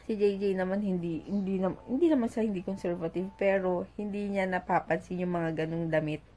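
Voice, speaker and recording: Mom vlogger at home, mellow voice, chatty and giggly, casual storytelling. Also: female voice, fairly low pitch, brisk, a little hiss or hum. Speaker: vlogger and mother. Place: at home doing chores.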